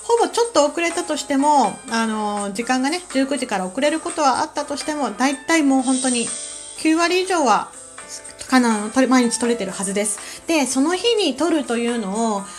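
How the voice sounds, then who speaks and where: A woman from Kansai with a Kansai accent, hosting a relaxed solo talk show with a calm manner and many soft fillers. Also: high voice, moderate pace, faint music behind. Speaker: podcast host.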